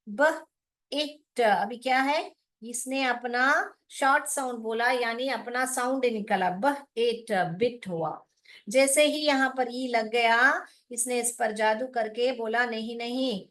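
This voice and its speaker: A woman's voice: fairly high pitch, a bit bright. A woman teaching phonics in an online class, patient and explaining step by step, often asking rhetorical questions and fondly addressing her learners as children.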